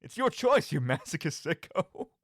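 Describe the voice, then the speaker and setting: In a close recording with no echo, a man hosts a video game commentary show as a radio-style podcast monologue. His voice is slightly high, moving at normal speed with very animated, swooping intonation. He plays it theatrical, talking right to the listener and tossing out rhetorical questions.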